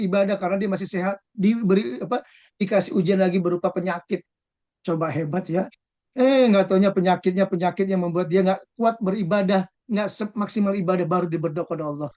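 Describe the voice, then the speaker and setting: An Islamic religious teacher giving a conversational study talk, full of rhetorical and tag questions and soft chuckles between points. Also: mid-range voice.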